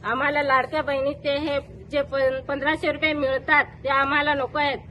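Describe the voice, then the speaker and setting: A middle-aged woman, a school worker, giving a quiet, hesitant statement at a protest. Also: sits high, moderate pace, muffled recording, a little hiss or hum. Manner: quiet, hesitant, flat speaking. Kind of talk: interview statement. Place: outdoors at a protest.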